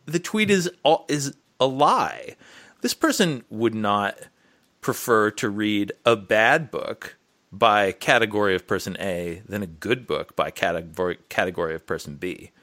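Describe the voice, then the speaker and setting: A man's voice: on the low side, unhurried, a bit bright. A man who teaches writing, talking in a casual podcast chat. He rambles through his points with many restarts. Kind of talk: casual conversation.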